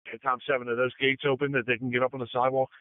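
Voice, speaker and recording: Fast-talking police supervisor on tinny radio, male. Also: mid-range voice, flat delivery. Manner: brisk, directive. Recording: tinny narrow-band police radio audio.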